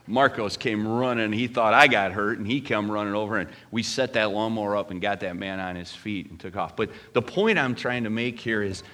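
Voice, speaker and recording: A man preaching a sermon to his church, animated and swinging from loud emphasis to hushed asides. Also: on the low side. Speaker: pastor.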